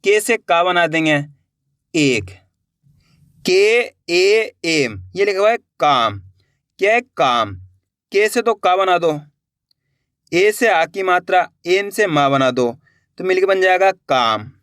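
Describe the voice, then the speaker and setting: A man's voice: high-pitched, expressive, slow pace, long pauses, a bit bright, smooth, dry recording, clean studio sound. A man teaching a spelling lesson in a patient, repetitive way, spelling out words letter by letter and quizzing his viewers with questions as he goes. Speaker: English teacher.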